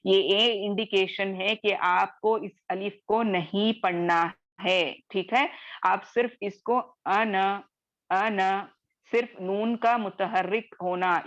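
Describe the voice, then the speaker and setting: Slow-speaking woman teaching over a call. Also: on the low side, a bit bright. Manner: patient, repetitive, ends phrases with "theek hai". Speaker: Quran recitation teacher. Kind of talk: online class explanation. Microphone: video call. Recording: dull lo-fi video call audio.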